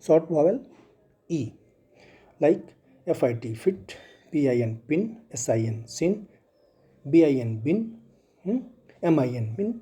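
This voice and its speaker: A male teacher walks his class through phonics, spelling each word letter by letter before saying it. His pace is unhurried and deliberate. The voice sits a little high for a man but sounds very dark and mellow in tone. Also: animated. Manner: slow, patient spelling out letter by letter. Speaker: school teacher. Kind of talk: phonics lesson in mixed Hindi and English.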